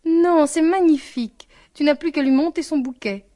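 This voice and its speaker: A woman's voice: a little high, normal speed, a little mellow, natural voice. A lighthearted middle-aged father who talks breezily and cheerfully, as a female narrator reads his lines. His voice stays close to the reader's own. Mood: delighted.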